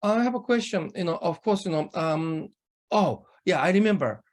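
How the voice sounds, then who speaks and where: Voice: medium pitch, animated, normal speed. An interview host, a native Japanese speaker with a Japanese accent, talking in a conversational style.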